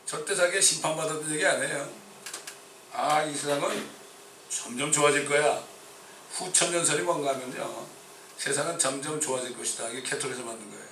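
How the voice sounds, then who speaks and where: A man's voice: fairly high pitch, fairly quick, pushed and bright, slight background noise. A male pastor preaching a sermon with a Chungcheong accent, emphatic and full of rhetorical questions. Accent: Chungcheong Korean. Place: church sanctuary. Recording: echoey church from a distance.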